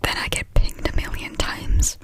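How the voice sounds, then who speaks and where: A young woman from Finland whispering a fast, scattered, casual ASMR ramble with breathy delivery and frequent hesitations while chewing gum. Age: young adult, about 18. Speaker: ASMR creator.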